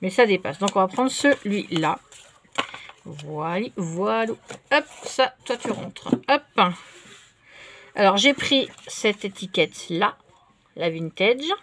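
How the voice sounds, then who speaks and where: A woman talks her viewers through a craft project at home. Her voice sits at a medium pitch, and she keeps the talk loose and casual, filling pauses as she works. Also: a little hiss or hum. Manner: chatty and relaxed, with many fillers. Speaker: craft vlogger. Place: indoors at a craft table.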